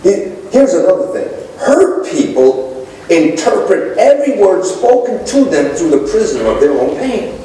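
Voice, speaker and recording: Echoey middle-aged preacher at the pulpit. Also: male voice, high-pitched, very animated, a little slow, warm tone, slight background noise. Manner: preacher calling out to the congregation, gesturing. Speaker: pastor. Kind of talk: sermon. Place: church sanctuary with congregation. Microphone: pulpit microphone, filmed from far back. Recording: echoey church from a distance.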